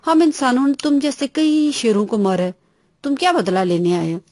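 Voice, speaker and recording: A woman's voice: high-pitched, lively intonation, darkish tone, no room sound, voice pushed up. A woman voicing a crafty grown man, a farmer, who talks in a sly, mock-agreeable way in a children's story. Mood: scornful.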